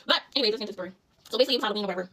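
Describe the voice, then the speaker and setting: Fast, bright young philly woman ranting through a storytime, lots of slang and cussing. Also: medium pitch. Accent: Philadelphia. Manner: rapid, animated, profane street slang. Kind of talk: casual storytime vlog.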